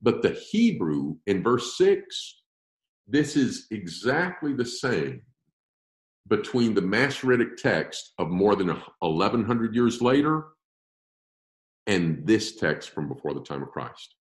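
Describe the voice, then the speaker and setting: A man teaching a Bible class, explaining texts with emphasis and slowing down to stress key words. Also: fairly low pitch, sing-song, roomy sound. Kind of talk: classroom-style Bible lecture.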